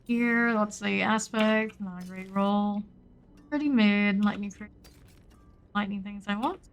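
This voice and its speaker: A woman's voice: medium pitch, measured pace, smooth. A woman giving casual live gameplay commentary, muttering in short clipped fragments as she thinks aloud. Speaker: game streamer.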